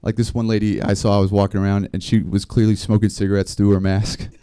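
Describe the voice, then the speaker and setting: A man performing a stand-up set, spinning rambling anecdotes with a deadpan delivery. His tone is dark and mellow. The recording is dry and close. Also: fairly low pitch, fast talker, clean tone, no room sound. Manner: deadpan, rambling storytelling with small laughs. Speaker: stand-up comedian. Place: live comedy stream venue.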